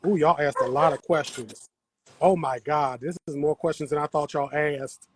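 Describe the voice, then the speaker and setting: Hosting a relaxed gardening livestream outdoors, a man chats with viewers as he digs into the soil on his patio. His slightly high voice holds fairly even intonation at normal speed, with background noise present.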